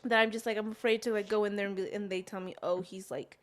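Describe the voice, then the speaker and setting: A woman's voice: medium pitch, steady tone, fast talker. A pregnant young woman co-hosting a casual podcast, talking in a rambling, chatty way and laughing often. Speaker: podcast co-host. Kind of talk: casual chat.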